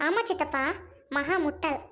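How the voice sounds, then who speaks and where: Brief: woman voicing defiant young wife, high-pitched, scolding and fearless, amateur skit. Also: moderate pace, a bit bright. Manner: fierce, accusing, scolding. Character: defiant young married woman confronting her scheming uncle.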